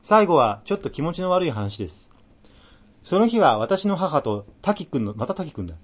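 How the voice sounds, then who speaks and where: A man's voice: fairly high pitch, normal speed, husky. A man hosting a radio show, reading out a listener's ghost story and whining playfully when his co-host teases him. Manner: animated, plaintive when teased.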